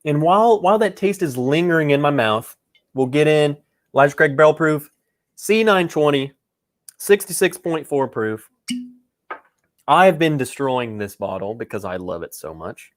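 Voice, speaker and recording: A whiskey livestream host runs a casual live tasting, joking and rambling as he chats with viewers. His voice is fairly high and animated, moving at a normal speed.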